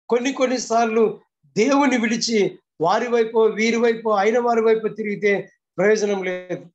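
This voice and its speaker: Heard through the muffled, lo-fi audio of a video call, a high-voiced male pastor gives a morning devotional sermon. He preaches fervently, leaning on repetition and rhetorical questions to press each point.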